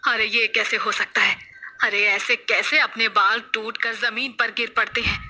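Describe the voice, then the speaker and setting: A woman's voice: on the high side, level tone, moderate pace, sharp tone, a little hiss or hum. A woman voicing an anxious, superstitious middle-aged village mother who frets and pleads. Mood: alarmed. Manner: fretful and pleading.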